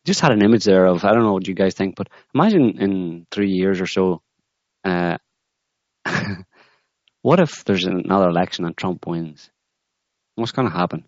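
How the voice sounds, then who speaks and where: A man's voice: sits low, lively intonation, normal speed, pauses often, darkish tone, no room sound. A man co-hosting a political discussion, talking in a rambling, hesitant way with many restarts. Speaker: co-host. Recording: muffled dry audio.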